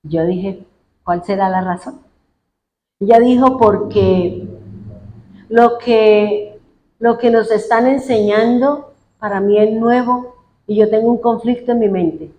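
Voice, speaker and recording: A woman's voice: a little high, slow, pauses often, dark tone, a little hiss or hum. A woman pastor preaching a fervent sermon, retelling what congregants said and praying aloud as she goes. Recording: echoey room.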